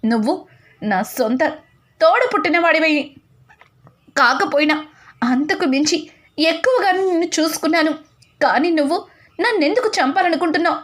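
A woman's voice: high voice, animated, normal speed, long pauses, a bit bright. A woman voicing an angry young husband who demands answers from his younger brother, repeating his questions. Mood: reproachful.

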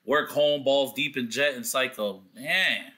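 Bright-voiced man rambling over a game. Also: medium pitch, a little slow. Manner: rambling, slangy, thinking aloud. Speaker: gamer, let's play host. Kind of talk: casual game commentary with slang.

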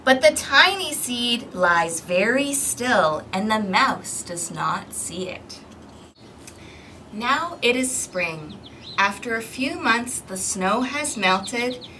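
An expressive, high-voiced woman, a storytime host for a community service, reads a children's picture book aloud on an outdoor balcony. She speaks slowly and clearly, asking questions interactively as if to young children. A distant mic picks up outdoor background noise.

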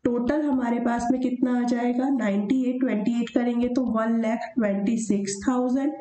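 Over handwritten notes on screen, a woman teacher whose voice is mellow, fairly high, and steady talks through a worked problem with a roomy echo. She slows to read the question word by word before explaining each step, posing her own questions and answering them.

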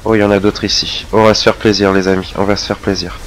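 A man giving casual, chatty commentary over his own gameplay, excitable and quick to mock himself. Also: lowish voice, faint music behind. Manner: chatty, self-mocking, excitable. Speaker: let's play gamer.

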